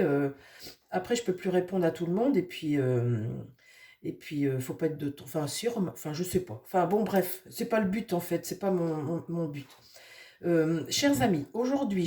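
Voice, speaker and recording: Stuffy-nosed woman doing a casual tarot reading, lowish mellow voice, lots of ums and restarts. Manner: rambling, many fillers and restarts; addresses her tarot deck softly. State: nasal from a cold. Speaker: tarot reader.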